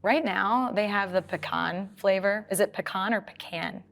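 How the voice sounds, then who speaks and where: A woman's voice: medium pitch, normal speed, creaky, a bit bright, a little hiss or hum. Bubbly young woman answering on the spot. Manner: bubbly, giggly, searches for words. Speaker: guest, apparel business owner. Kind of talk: casual interview answers.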